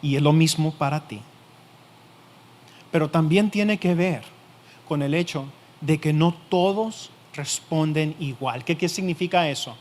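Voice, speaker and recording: A male pastor preaches a sermon in a voice somewhat high for a man, speaking a little slowly. He talks straight to the listener and emphatically repeats key phrases. Many sentences open firmly, then sink to a soft, quiet hush at the end.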